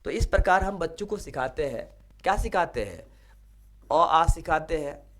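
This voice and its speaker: A man's voice: a little high, expressive, moderate pace, a bit bright. A male teacher giving a classroom lecture, explaining step by step and checking in with his students. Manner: explanatory, asks students rhetorical check-in questions.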